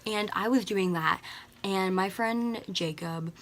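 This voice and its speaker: A woman's voice: medium pitch, takes it slowly, a little hiss or hum. A teenage girl telling a storytime on her vlog, rambling and full of "like" and slang. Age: teens. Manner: rambling, heavy use of "like", slangy. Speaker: vlogger. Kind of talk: casual storytime.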